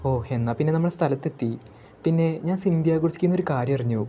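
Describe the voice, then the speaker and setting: A man voicing a calm, confident young male mage in a storybook recap, in his own plain voice. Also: on the high side, fast, slight background noise, lightly acted.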